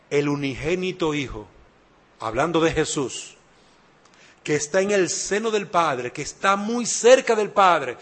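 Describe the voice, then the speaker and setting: A man's voice: sits high, bright, forceful tone. A man preaching a sermon, emphatic and repeating key phrases, speaking straight to the listener. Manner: addresses listener directly.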